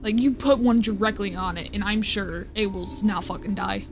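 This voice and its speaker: Music plays behind a young woman speaking at a moderate pace in a medium-pitched voice. She's live-streaming casually, wandering between topics, swearing, laughing, and stopping herself mid-thought.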